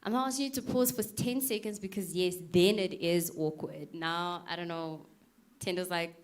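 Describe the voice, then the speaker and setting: In a lowish voice at a moderate pace, a woman gives a live workshop talk on public speaking. She's lively and direct, putting questions to the audience and acting out awkward fillers and reactions for effect.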